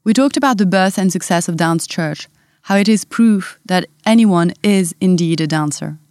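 A woman's voice: on the low side, moderate pace, darkish tone, dry recording, clean studio sound. French-accented woman hosting a podcast. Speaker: podcast host. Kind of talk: scripted podcast introduction.

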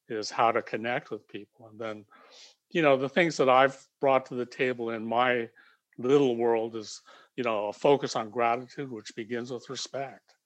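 A man from the United States talking as a podcast guest, calm and measured as he reflects on his work. His pitch is middling, and the recording is close and dry with no echo. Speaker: guest, leadership coach. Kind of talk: casual interview chat.

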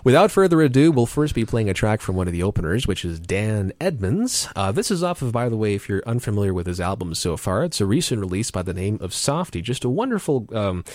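A man's voice: fairly low pitch, big pitch swings, quick pace, hardly any pauses, darkish tone, dry recording, studio quality. A man hosting a community radio show, chatting casually with a co-host and introducing songs, rambling with many fillers.

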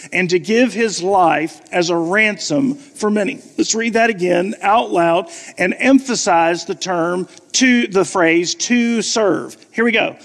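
A pastor with a high, slightly bright voice preaches a sermon and reads church announcements, sounding a little scratchy from a cough. He talks conversationally, repeats phrases and stretches key words. The church sanctuary gives the recording a long reverb.

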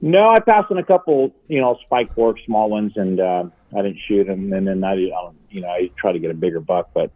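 A middle-aged man talks over speakerphone from his home, and his voice sits low and rambles along with easy chuckles. The call comes through a narrow, phone-like line with a dry, close sound and no room echo. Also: expressive, brisk, few pauses. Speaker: guest angler calling in. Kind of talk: casual chat. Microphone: cell phone on speakerphone.

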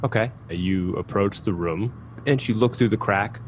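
Low-voiced man narrating as game master. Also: moderate pace, slight background noise. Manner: easygoing, descriptive, with light laughs.

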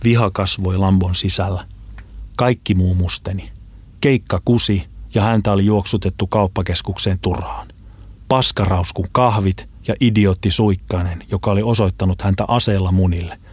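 A man reading an audiobook in a steady, measured narration. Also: low-pitched, slightly rough, no echo. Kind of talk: scripted narration.

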